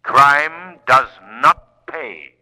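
An actor playing a sardonic, menacing male vigilante in an old-time radio drama, theatrical and deliberate. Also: mid-range voice, sing-song, music in the background, natural voice. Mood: grave, ironic. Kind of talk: 1940s radio drama acting.

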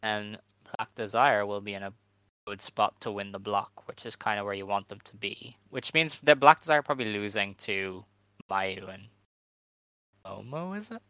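A man hosts a casual podcast in a relaxed, easygoing way, leaning on ums as he moves between topics. His voice is bright and forward, and the sound is close and dry. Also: fairly low pitch, moderate pace, smooth, dry recording, rough recording. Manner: laid-back, steers the running order with fillers. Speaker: podcast host.

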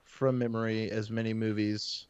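A man hosting a casual movie trivia game, reading out the rules at a measured pace. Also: on the low side, little pitch movement, a little mellow, clear, resonant tone. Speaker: game show host. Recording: dull lo-fi sound.

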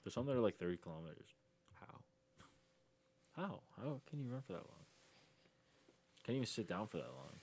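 A man's voice: lowish voice, very animated, moderate pace, long pauses, a little mellow, slightly rough. A young adult man co-hosting a casual podcast chat, swearing freely and saying bro a lot. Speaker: podcast co-host.

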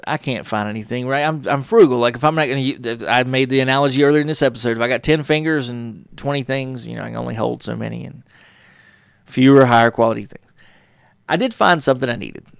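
A man's voice: mid-range voice, creaky, smooth, no echo, clean studio sound. A middle-aged man hosting a solo podcast, telling a personal story in a rambling, casual way with many fillers and restarts. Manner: rambling, self-correcting, warm storytelling with frequent fillers. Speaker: podcast host.

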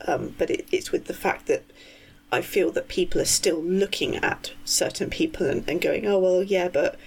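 A woman's voice: on the low side, moderate pace, vocal fry, a little hiss or hum, low-quality recording. A woman co-hosting a podcast, chatting casually about books and writing, given to ranting with lots of fillers. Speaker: podcast co-host.

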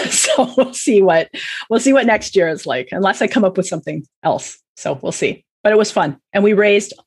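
A middle-aged Canadian woman, a charity executive director, is a guest on a podcast and chats casually in a self-deprecating way during the interview. Her voice sits on the low side, a little mellow and slightly rough.

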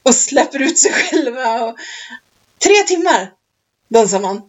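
A woman's voice: sits high, sing-song. Chatty laughing woman, lo-fi sound. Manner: chatty, laughs often, rambling storyteller. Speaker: podcast co-host. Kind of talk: casual chat. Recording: dull lo-fi recording.

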